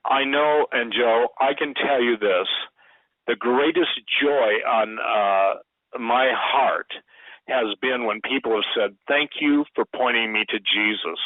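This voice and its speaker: A man's voice: mid-range voice, no echo. A man calling into a radio show, praying aloud and then talking fervently, often repeating and restarting his words. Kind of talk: spoken prayer and radio talk. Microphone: phone call into a radio show. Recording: tinny dry phone line.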